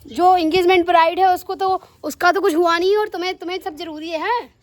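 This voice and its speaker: Chatty young woman vlogger, high voice. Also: fairly quick. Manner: chatty, teasing, animated asides to viewers. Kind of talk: casual vlog chat.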